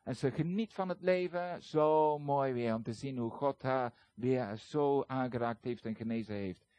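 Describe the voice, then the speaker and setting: A man's voice: medium pitch, a little slow, no echo. A man giving a sermon as a guest preacher, talking conversationally with hesitations and acting out the voices he quotes. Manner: animated storytelling, acts out quoted voices.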